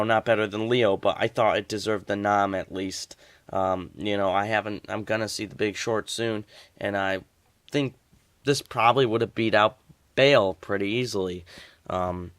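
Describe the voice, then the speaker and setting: A man's voice: medium pitch, a bit bright, dry recording. A man giving a casual spoken movie review, rambling with fillers and restarts.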